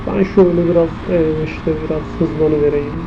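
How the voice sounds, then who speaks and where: A man's voice: fairly high pitch, steady tone, normal speed. A man chatting casually and thinking aloud as he rides a motorcycle, his voice muffled inside a helmet. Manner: thinking aloud, commenting on the traffic. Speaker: motorcycle vlogger. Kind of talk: casual chat while riding. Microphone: microphone inside the helmet. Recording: muffled helmet mic, loud wind and engine noise. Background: wind, engine and traffic noise.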